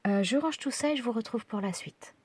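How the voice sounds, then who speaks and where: A woman's voice: a little high, brisk, a little mellow, breathy edge. A middle-aged woman vlogging at home, chatting hesitantly as she opens her mail, with small whispered asides. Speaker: craft vlogger. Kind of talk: casual unboxing chat.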